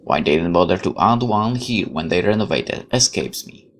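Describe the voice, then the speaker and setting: Animated, expressive let's play gamer. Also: low-pitched, normal speed, a little hiss or hum. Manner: expressive, exclaims and questions the text aloud. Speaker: gaming YouTuber. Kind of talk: let's play commentary, reading game text aloud.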